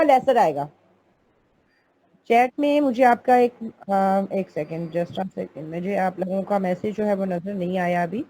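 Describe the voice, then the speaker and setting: High-voiced woman teaching grammar. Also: darkish tone. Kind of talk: online class lecture.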